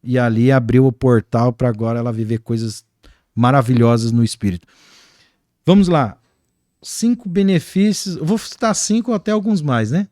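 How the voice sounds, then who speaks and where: A man with a Brazilian accent, a guest pastor talking in an animated, preaching-like way on a podcast. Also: medium pitch, normal speed, no room sound, clean studio sound. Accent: Brazilian Portuguese. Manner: animated, acts out quoted voices.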